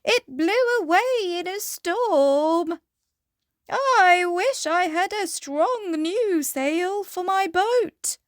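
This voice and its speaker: A woman voicing a distressed goat in a storybook with drawn-out, plaintive delivery. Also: extremely high pitch, animated, no room sound, studio quality, voice pushed up, exaggerated voice. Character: distressed bleating goat, plaintive boat owner.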